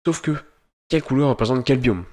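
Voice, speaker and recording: A man with a medium-pitched voice, host of a gaming tutorial channel, narrates a screen-recorded software tutorial step by step, linking each stage with "donc." He sounds hesitant, pausing often to search for words.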